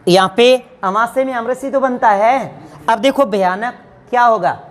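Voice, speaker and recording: A woman's voice: on the high side, moderate pace. A woman teacher giving a grammar lesson to exam students, asking questions and answering them herself. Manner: addresses students fondly as children.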